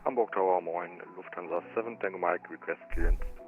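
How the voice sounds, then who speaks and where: A man's voice: sits low, fairly quick, music in the background. A man speaking as a pilot over a cockpit headset radio, in brief radio phraseology. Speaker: pilot on a flight sim network. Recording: tinny radio channel.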